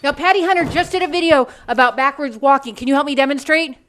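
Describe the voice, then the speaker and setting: A woman's voice: sits high, quick pace, a bit bright, a little hiss or hum. A woman hosting a children's show, addressing boys and girls in an exclamatory, slightly scattered way. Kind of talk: kids' show presenting.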